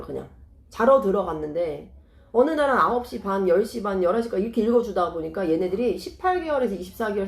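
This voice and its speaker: A woman's voice: mid-range voice, a little mellow, roomy sound. A middle-aged woman explaining parenting in casual, persuasive talk, often asking rhetorical questions.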